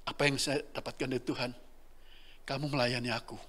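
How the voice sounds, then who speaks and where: A man's voice: medium pitch, flat delivery, fairly quick, a bit bright. A middle-aged man preaching a sermon, talking directly to the congregation and laughing between lines.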